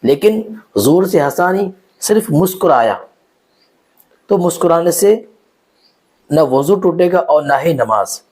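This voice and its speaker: A man with a somewhat high, mellow voice teaches religious rules in a numbered list. He speaks to the viewer directly and repeats each point in simpler words. His delivery is steady and instructive. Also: long pauses. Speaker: Islamic teacher.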